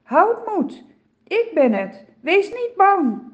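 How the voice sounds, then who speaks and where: Een kalme, gezaghebbende meester die rustig en stellig geruststelt, door een vertelster gesproken. Hij spreekt langzaam, en de opname is wat dof. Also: female voice, high-pitched, very animated, slow pace, a little mellow, muffled recording, exaggerated voice. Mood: reassuring. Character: calm, commanding male teacher Jesus.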